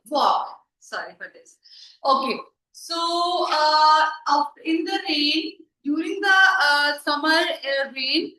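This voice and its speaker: A woman teacher giving a recorded video lesson, explaining slowly with many fillers and restarts in a classroom with a board. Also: sits high, sharp tone. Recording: echoey room, voice from a distance.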